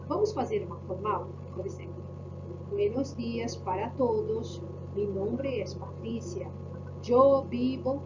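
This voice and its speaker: A Brazilian woman teaching an online Spanish class, encouraging and asking many rhetorical questions. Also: a little high. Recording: muffled lo-fi audio with background hiss.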